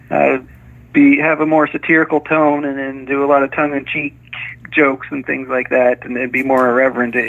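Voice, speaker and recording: Male author guest, halting speech full of restarts, heard through a narrow phone line. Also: fairly high pitch. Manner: hesitant, many restarts and small laughs. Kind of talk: casual interview chat.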